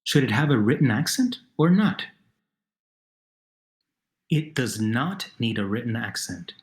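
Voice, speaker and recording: A man's voice: mid-range voice, very animated, measured pace. A man narrating a video lesson as a Spanish teacher, posing questions to the learner and then patiently answering them himself.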